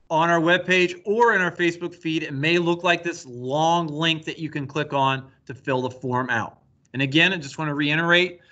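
Bright-voiced man explaining step by step. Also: fairly high pitch. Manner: plain step-by-step instructional delivery. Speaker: school district technology coordinator. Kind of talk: screen-recorded tutorial walkthrough.

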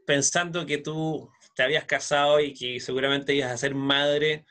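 Chilean male host, slightly high voice. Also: level tone, normal speed, bright, forceful tone. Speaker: interview host. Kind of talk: conversational interview.

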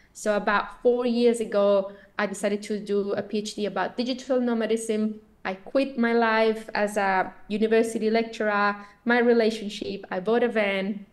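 Reflective woman podcast guest. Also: medium pitch. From Colombia. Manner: earnest, reflective, with frequent restarts. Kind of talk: podcast interview.

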